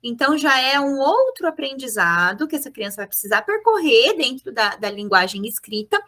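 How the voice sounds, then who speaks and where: Female teacher, high animated voice, bright tone, patient explainer. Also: moderate pace. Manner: didactic, checks in with "tá?" and "né?". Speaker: teacher educator. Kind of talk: explanatory video lesson.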